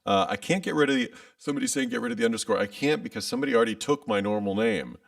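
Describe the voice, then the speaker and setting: A man's voice: mid-range voice, expressive, rapid-fire, gravelly, no room sound, recorded from a distance. A man in his thirties chatting casually on a livestream, rambling and hesitant with many restarts, speaking into a studio mic at home. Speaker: content creator streaming live. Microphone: studio microphone with headphones.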